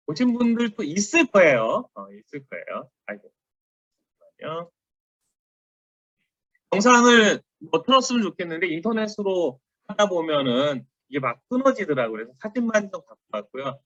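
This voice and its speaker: A middle-aged man lectures in a conversational way, quoting others as he goes. His voice rises and falls a lot, sitting a little high. The recording is dry and somewhat dull. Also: no room sound. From South Korea. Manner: conversational, quotes others, lively emphasis.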